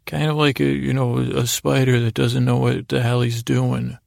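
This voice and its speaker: This sleep podcast host, a middle-aged man, speaks in a gravelly, creaky mid-range voice with flat delivery and a darkish tone, recorded close-miked without echo. His bedtime monologue is halting and silly, full of absurd asides, repetition, and thoughts left trailing off.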